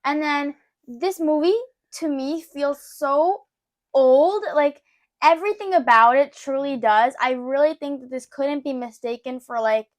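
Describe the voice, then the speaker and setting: A woman's voice: high voice, measured pace. A young woman co-hosting a podcast, chatting casually with lots of fillers and reading plot summaries. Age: young adult. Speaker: podcast co-host, daughter.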